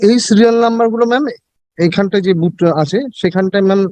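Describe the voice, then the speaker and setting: High-voiced, rapid-fire, defensive Bengali man. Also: a little mellow, dry recording. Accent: Bengali Indian. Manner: deferential, defensive, halting with repeated words. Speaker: government election returning officer answering in court. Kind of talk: answering questions in a court hearing.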